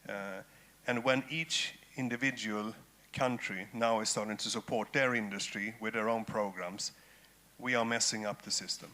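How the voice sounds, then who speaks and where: Blunt man, low voice. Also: fairly even intonation, moderate pace, pushed and bright. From Sweden. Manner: blunt and indignant. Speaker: company executive on a panel. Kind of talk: panel discussion.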